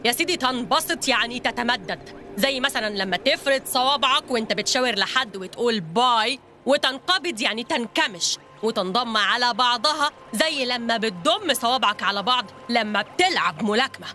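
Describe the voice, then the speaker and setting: A jumpy, excitable coach from a children's audio drama, voiced by a woman, high and bright, with lively swoops. Talks fast and stammers whenever fear takes over. Light music plays underneath. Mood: explaining. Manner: excitable, faints and stammers in panic. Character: jittery coach Captain Saaq, panics at cramps.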